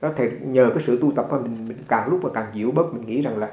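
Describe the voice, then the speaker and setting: Male monk, mid pitch, easygoing storytelling sermon, roomy echo. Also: fast. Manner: conversational, repeats words, animated when retelling. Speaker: Buddhist monk teacher. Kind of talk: dharma talk with storytelling. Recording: echoey room.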